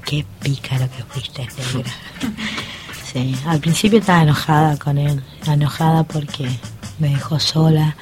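A middle-aged woman speaks in a low, grounded register with an Argentine accent, a radio guest recounting memories. She is openly nervous and earnest, and her voice sinks to a near murmur as she trails off. Faint music plays softly beneath her. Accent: Argentine Spanish. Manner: earnest, acts out remembered dialogue, trails off softly. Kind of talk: emotional personal storytelling. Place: radio studio.

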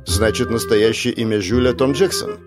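A man's voice: medium pitch, normal speed, natural voice. A man voicing a stern young woman who questions coldly in clipped phrases, in an audiobook with faint music.

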